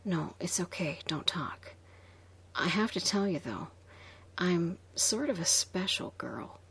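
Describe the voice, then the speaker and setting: A woman's voice: fairly low pitch, expressive, takes it slowly, vocal fry, breathy edge, exaggerated voice. Whispered role-play: a woman whispering as a purring vampire girl. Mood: teasing. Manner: purring, coy.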